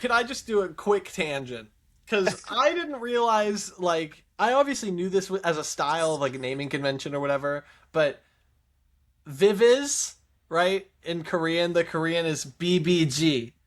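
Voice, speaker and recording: A man's voice: on the high side, lively intonation, a little slow, a bit bright. A man co-hosting a podcast, chatting casually and rambling through song reviews with lots of fillers. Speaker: podcast co-host. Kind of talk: casual chat reviewing songs.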